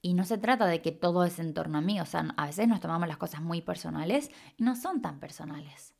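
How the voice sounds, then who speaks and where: A woman's voice: fairly low pitch, lively intonation, brisk, gravelly, darkish tone. A young woman, a life coach talking loosely through a reflective podcast monologue. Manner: casual, loose, full of "o sea" and "como" fillers.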